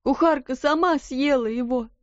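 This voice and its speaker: A poor servant girl pleading through sobs, high and thin, as a woman narrator voices her. The delivery is dry and close, and the storybook audio is dull. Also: moderate pace, no echo, close to an everyday voice. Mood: tearful. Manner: tearful, pleading.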